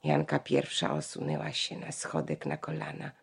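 A woman narrating a literary audiobook in a measured, expressive reading. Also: extremely low pitch, vocal fry, husky.

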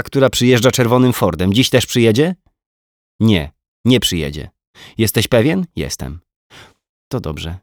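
A man's voice: fairly low pitch, no echo, studio quality. A man voicing a playful young woman on the phone, teasing and then questioning her partner. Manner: teasing, then probing and jealous.

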